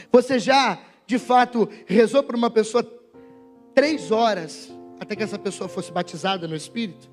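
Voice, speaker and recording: A young man with a Brazilian Portuguese accent and a very high voice preaches his conversion story, speaking straight to the congregation. Soft instrumental music plays faintly behind him. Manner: emotional storytelling, addressing the church directly. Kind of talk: sermon testimony.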